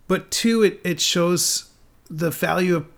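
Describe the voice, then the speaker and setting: A man's voice: high voice, slow, vocal fry. A man in his forties talking candidly and loosely as a podcast guest, with frequent restarts and the odd swear word. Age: 40s. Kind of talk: casual podcast conversation.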